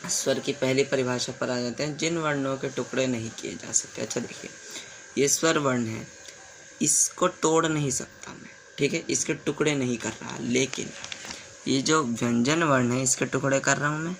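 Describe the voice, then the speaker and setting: A man teaching the alphabet in a slow classroom way. He repeats sounds, asks the class questions and writes on a board as he goes. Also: medium pitch, fairly even intonation, fairly bright tone, slight background noise. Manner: stops to write on a board while talking. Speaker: Hindi teacher.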